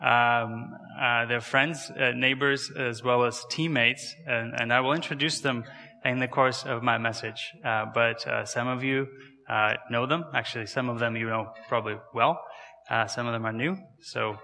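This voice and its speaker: A man's voice: medium pitch, fairly even intonation, normal speed, vocal fry, bright, forceful tone, big-room sound. A man in his thirties from Kazakhstan, with an accent from there, giving a conversational guest sermon in a church and asking the audience questions. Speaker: guest missionary speaker.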